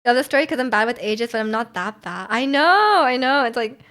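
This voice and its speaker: A woman in her twenties chats casually on a stream and reads viewer messages, giggling, talking freely and laughing often. Her pitch is fairly high and her tone fairly bright, with lively intonation and a fairly quick pace.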